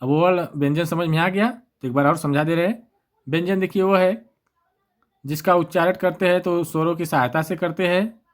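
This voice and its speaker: Guy teaching exam grammar, voice a bit on the high side, keeps asking himself questions and answering. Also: fairly even intonation, normal speed. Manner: repetitive, asks and answers his own questions. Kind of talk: exam-prep grammar lesson.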